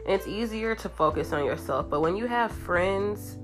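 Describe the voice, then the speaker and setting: A woman hosting a casual, chatty girl-talk show in an animated, informal way, congested with a cold so she sounds nasal, as if her nose is pinched shut. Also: medium pitch, normal speed, soft background music. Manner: animated, informal girlfriend talk with emphatic repetition. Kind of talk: casual chatty monologue to listeners.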